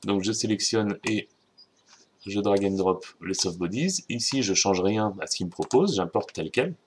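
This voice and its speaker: Brief: French male tutor, lowish voice, informal screen-recorded lesson, soft keyboard and mouse clicks behind. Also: animated, normal speed, a little hiss or hum. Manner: informal, chatty, self-correcting, addresses viewers directly. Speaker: software tutorial instructor.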